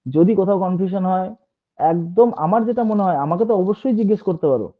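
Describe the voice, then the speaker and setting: A male teacher with a fairly high voice explains a lesson patiently, often pausing to check his students are following. The sound is thin and tinny, like audio from an online class call. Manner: patient, repeats and checks with frequent asides. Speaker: English teacher.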